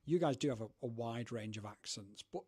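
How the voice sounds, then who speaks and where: A British man hosts a livestream from his home studio, rambling, chatty, and self-deprecating as he talks to viewers in chat. His voice is medium-pitched and darkish with a breathy edge, lively in intonation and brisk.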